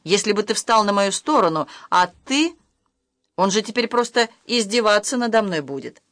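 A woman's voice: medium pitch, lively intonation, normal speed, a bit bright, no echo, studio quality, lightly acted. A woman reading the lines of a distressed young stepmother, reproachful and emotional, her voice rising when upset. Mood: hurt reproach.

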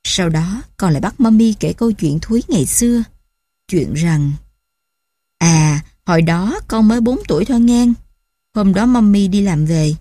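A woman's voice: mid-range voice, lively intonation, normal speed, no room sound. A woman, tenderly telling stories as a mother. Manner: tender, gently affectionate storytelling. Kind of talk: storytelling narration.

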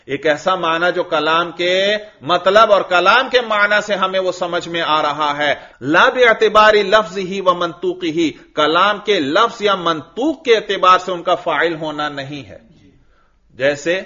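A man's voice: fairly high pitch, pushed and bright, lo-fi sound. A male religious teacher giving a lecture on an Arabic grammar text. He chants the Arabic lines, explains each one, calls the listeners brother and checks that they follow.

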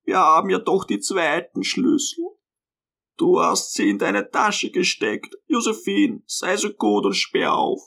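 A male narrator voicing a frail, anxious old mother who clings to her view with childish stubbornness, speaking slowly in a quavering voice. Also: high voice, big pitch swings, gravelly, a bit bright, voice pushed up, heavily acted. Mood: fretful. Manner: slow, fretful and sighing.

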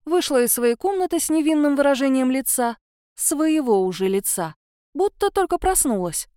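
A woman narrating a first-person story for an audiobook in an expressive, measured way. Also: high-pitched, no echo, clean studio sound.

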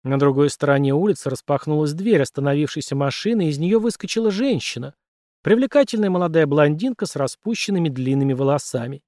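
A man's voice: on the high side, lively intonation, fast, a little mellow, dry recording. Male audiobook narrator, dry close read.

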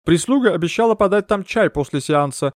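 Man doing a grandiose high-voiced lady medium. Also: animated, a little fast, dry recording, clean studio sound. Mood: haughty. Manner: affected, grandiose, mysterious. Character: theatrical middle-aged female spirit medium.

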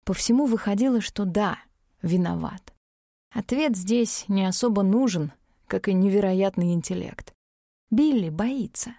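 A woman narrating an audiobook in an even, clear storytelling manner. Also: mid-range voice, dry recording, clean studio sound.

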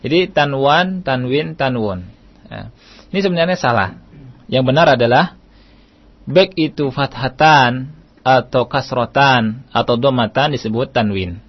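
A man from Indonesia teaches recitation rules over the radio at an unhurried, deliberate pace. He repeats his key points patiently and now and then slows into a careful chant. The broadcast sound is dry and a little muffled. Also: mid-range voice, husky, dry recording. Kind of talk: radio lesson.

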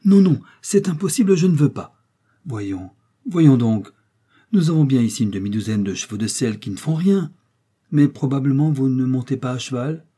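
A man voicing a flustered, fussy rich older woman in a storybook reading, pleading in turns hushed and shrill. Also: moderate pace, slightly rough, close to an everyday voice. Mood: insistent.

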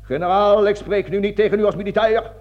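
In a radio drama, a man plays a panicking, cowardly army colonel who justifies himself, blustering, stammering and pleading in flustered repetition. His high voice is steady, a little fast and close to an everyday voice. The old radio recording sounds dull and lo-fi.

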